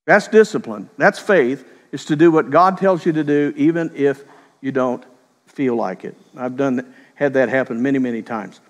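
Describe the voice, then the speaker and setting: A middle-aged man preaching a sermon, telling stories in a conversational way and slipping into quick voiced quotes. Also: mid-range voice, long reverb tail. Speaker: pastor.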